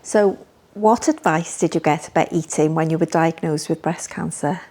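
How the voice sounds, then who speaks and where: A woman in her fifties, a patient, talking calmly and matter-of-factly about her treatment. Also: deep voice, normal speed. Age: 50s. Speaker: patient sharing her experience. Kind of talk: casual chat.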